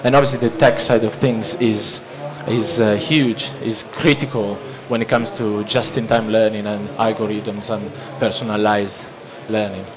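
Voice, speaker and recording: A conference presenter from Italy, a man in his thirties with an Italian accent, speaks at a moderate pace with hardly any pauses, his voice on the low side and fairly even in intonation. He gives a loose seminar talk full of restarts and fillers at a lectern in a large conference hall, heard through a lectern microphone over music and a listening audience.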